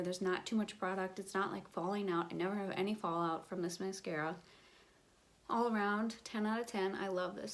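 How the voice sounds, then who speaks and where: A woman talking casually through her favorite makeup and skincare products, chatty and full of fillers. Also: mid-range voice. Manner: chatty, filler-heavy, enthusiastic recommending. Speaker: beauty vlogger. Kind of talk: casual product review vlog.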